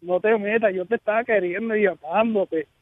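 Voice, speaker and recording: A man's voice: sits high, fairly even intonation, normal speed. A man calling into a radio show, chatting and telling a story about home. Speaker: caller. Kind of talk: phone-in chat. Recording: tinny phone line.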